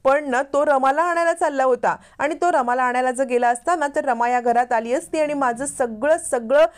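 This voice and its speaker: A woman's voice: sits high, normal speed, smooth, pitched above the performer's own voice, lightly acted. A woman voicing a scheming young woman who pleads tearfully, in a retold TV drama. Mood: pleading.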